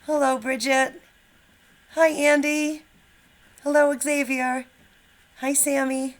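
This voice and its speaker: In a high, level voice and at a slow pace, a middle-aged woman talks as a teacher to young pupils. She's informal and encouraging, if slightly nervous, mixing casual chat with an expressive read-aloud of a children's storybook.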